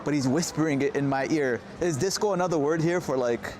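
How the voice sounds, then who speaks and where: With crowd noise, street sounds, and vehicles around him, a travel vlogger speaks fairly quickly in a higher voice. He is outdoors on a city street, giving a casual, chatty walking tour.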